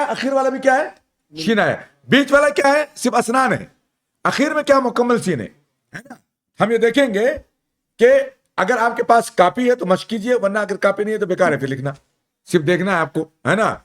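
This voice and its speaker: A male Arabic teacher leading a classroom lesson, spelling out letters slowly and keeping students engaged with frequent check-in questions. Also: sits high, a bit bright. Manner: quizzes students, keeps asking "isn't it?". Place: classroom at an Islamic school.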